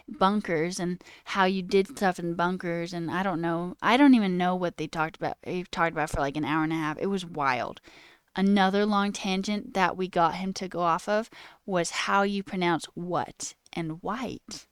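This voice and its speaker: A woman's voice: lowish voice, clean tone, no echo, studio quality. A woman livestreaming who chats casually with viewers and rambles through stories, often saying "like.". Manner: rambling, tangent-prone storytelling; swears casually, says "like" often. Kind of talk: casual chat with live chat. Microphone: headphones with a cord.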